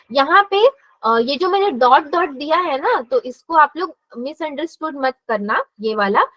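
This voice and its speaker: A woman's voice: fairly high pitch, dry recording, dull audio. A woman math teacher giving a live classroom lesson, explaining step by step and asking her students questions.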